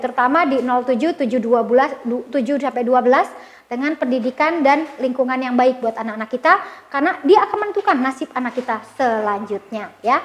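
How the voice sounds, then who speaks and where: A middle-aged woman, a kindergarten founder giving a parenting seminar in an animated, chatty way full of fillers and tag questions. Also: sits high. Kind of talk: parenting seminar talk with storytelling.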